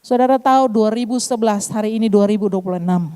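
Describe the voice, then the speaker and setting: A woman's voice: mid-range voice, quick pace, warm tone, clear, resonant tone. A middle-aged woman pastor with an Eastern Indonesian accent, preaching a sermon and sharing a personal testimony, often calling out to the congregation. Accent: Eastern Indonesian, Kupang Malay. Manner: addresses congregation as "saudara" often.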